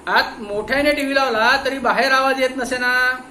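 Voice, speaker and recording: A man voicing a stern, angry police inspector who fires forceful questions at a suspect. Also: extremely high pitch, fairly even intonation, moderate pace, echoey room, slight background noise, pitched above the performer's own voice, exaggerated voice.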